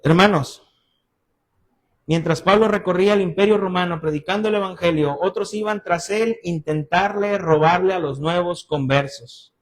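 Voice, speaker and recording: A man's voice: high voice, moderate pace, slight background noise. A young man with a Mexican accent preaching an expository sermon in church, telling stories and acting out the people he quotes. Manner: animated storytelling, acting out quoted voices. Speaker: pastor.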